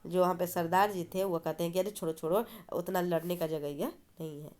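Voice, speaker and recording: A woman's voice: on the low side, steady tone, a little fast, a little mellow. A woman teacher reading a story aloud and explaining it, asking and answering her own questions. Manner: explanatory, asks and answers herself.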